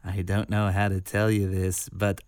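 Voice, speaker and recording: A man voicing a humble, gentle bagel maker in a children's story, speaking softly and hesitantly with Yiddish touches. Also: sits low, completely flat delivery, normal speed, dry recording, studio quality, natural voice. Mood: apologetic. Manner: soft, hesitant, Yiddish-flavored.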